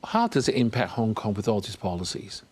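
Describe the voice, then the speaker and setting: A man's voice: on the low side, wildly swooping pitch, fairly quick, breathy edge. A man hosting a TV news interview, reading a scripted introduction and then asking questions with some hesitant fillers. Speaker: TV interview host.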